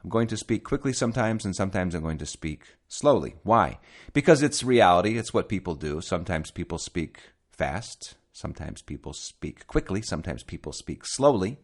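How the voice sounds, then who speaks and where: Male podcast English teacher, low pitch, highly expressive, drills phrases over and over. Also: moderate pace. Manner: lively, repeats phrases for learners to imitate.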